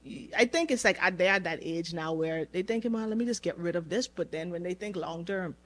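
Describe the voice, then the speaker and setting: A young woman from the Bahamas, talking casually as a podcast guest, relaxed and chatty, laughing easily and repeating words as she goes. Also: on the low side, brisk. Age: young adult. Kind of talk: casual interview chat.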